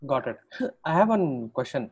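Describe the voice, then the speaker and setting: A man's voice: medium pitch, sing-song, normal speed, breathy edge. A man with an Indian accent interviewing in a conversational way, repeating short phrases. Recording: dull, lo-fi audio.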